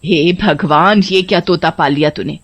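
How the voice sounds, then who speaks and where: A woman's voice: fairly low pitch, normal speed, lightly acted. A woman voicing a cruel middle-aged mother-in-law who scolds harshly. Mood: scolding. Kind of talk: storybook voice acting.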